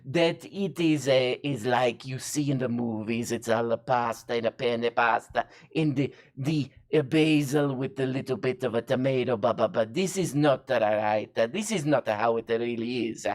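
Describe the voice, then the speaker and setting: A performer voicing a self-styled Sicilian version of a celebrity chef, with a deliberately bad fake Italian accent and halting speech full of "uh" pauses. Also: medium pitch, natural voice. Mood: earnest. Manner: hesitant, halting with many uh pauses. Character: self-styled Sicilian Guy Fieri, male, earnest and halting. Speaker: comedy guest character.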